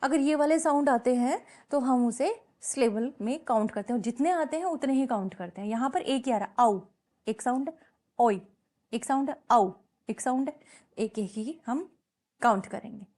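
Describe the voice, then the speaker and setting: A woman with a slightly high voice and darkish tone teaches English at a moderate pace, moving between Hindi and English as she explains the lesson to her class. She patiently repeats example words and checks comprehension through repeated questions.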